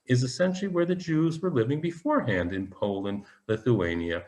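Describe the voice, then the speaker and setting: A man giving an explanatory history lecture over slides, often restarting his sentences and filling pauses. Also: mid-range voice, a little mellow. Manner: explanatory, many fillers and restarts. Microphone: webinar presentation.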